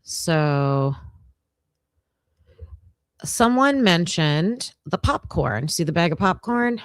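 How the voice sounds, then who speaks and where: A woman hosting a casual livestream case discussion, talking in a halting way with many fillers and frequent laughs. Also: fairly low pitch, sing-song, no echo, studio quality. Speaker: livestream host.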